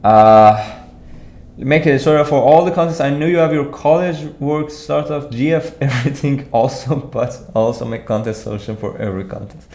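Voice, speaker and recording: A young Iranian man live streams from his computer, casually walking through contest solutions and reading the chat, laughing as he does. His mid-range, darkish voice moves at a moderate pace, and he hesitates and restarts sentences often.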